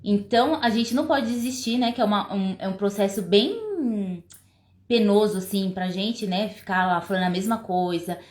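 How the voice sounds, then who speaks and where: A woman's voice: medium pitch, normal speed, a little mellow, reverberant. A woman co-hosting a parenting talk, speaking conversationally with frequent tag questions. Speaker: parenting show co-host, mother. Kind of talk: casual couple conversation.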